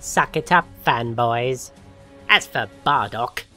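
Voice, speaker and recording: A haughty alien emperor for a comedy interview. He is a petty, insulting tyrant with a forceful, sharp and theatrical voice. Faint music plays underneath. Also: mid-range voice, takes it slowly, voice pushed down. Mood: sarcastic, scornful. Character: vain, tyrannical male alien emperor, sneering and easily outraged. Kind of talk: comedy mock interview in character.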